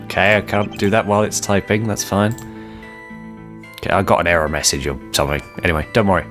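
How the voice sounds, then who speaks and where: A man's voice: sits low, fast talker. A man casually commenting on his own gameplay with self-deprecating asides. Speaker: game player. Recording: faint game music behind.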